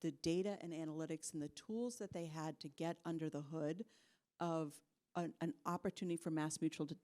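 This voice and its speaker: Low, mellow-voiced woman on a panel. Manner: chatty, with fillers and light laughs. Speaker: marketing executive on a panel. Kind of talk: conversational panel answers. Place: conference stage with audience.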